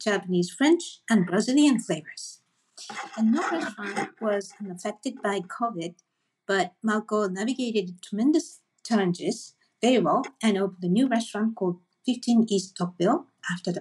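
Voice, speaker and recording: A woman's voice: mid-range voice, husky. A woman hosting a food podcast, reading a prepared introduction and then asking her guest questions. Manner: steady, reads a prepared introduction, then asks short questions. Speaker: podcast host.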